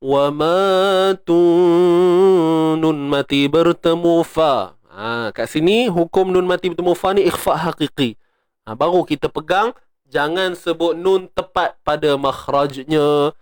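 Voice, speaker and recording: Smooth-voiced Malaysian man teaching recitation. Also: fairly high pitch, a little slow, dry recording, clean studio sound. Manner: explains step by step, chants verses in a raised voice. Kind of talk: tajwid lesson with recitation.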